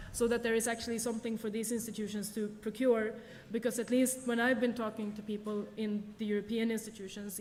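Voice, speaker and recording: After a conference talk, a Swedish-native woman takes questions, hedging, saying um often, and restarting as she reasons through her answers. Her voice is on the high side, slightly raised, and a little mellow. A large lecture hall gives it long reverb over a faint hiss.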